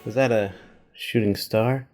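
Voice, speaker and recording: A man's voice: on the low side, fairly even intonation, measured pace, darkish tone, faint music behind. Chatty man hosting a reaction video. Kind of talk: casual reaction commentary.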